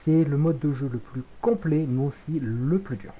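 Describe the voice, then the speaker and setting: A man hosting a relaxed game tutorial, chatty, with frequent hesitations and quick self-corrections. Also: fairly high pitch, breathy edge, phone-quality sound. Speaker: gaming video host.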